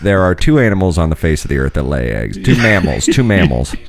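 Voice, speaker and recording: A man's voice: low-pitched, big pitch swings, fairly quick, gravelly. A man hosting a podcast, reading out trivia questions and teasing the contestant with casual swearing. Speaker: podcast host running a trivia quiz.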